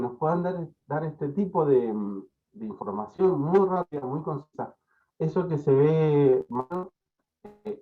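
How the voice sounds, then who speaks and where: Man lecturing over a choppy connection. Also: mid-range voice. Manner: hesitant, many fillers and repeated words. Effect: choppy, breaking-up internet connection. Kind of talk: online lecture. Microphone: video call. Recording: tinny, choppy online call audio.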